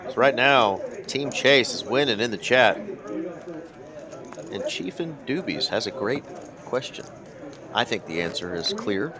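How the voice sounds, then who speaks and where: Male color commentator at a card room broadcast desk, easygoing and talkative, crowd noise underneath. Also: medium pitch. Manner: relaxed, chatty, reads viewer comments. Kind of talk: live poker stream commentary.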